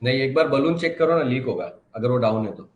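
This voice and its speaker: A man's voice: medium pitch, animated, brisk, muffled recording. Male auto trainer, assured and instructive, echoey room. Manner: confident, reassuring, instructive. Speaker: automotive diagnostics trainer. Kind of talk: live online training Q&A.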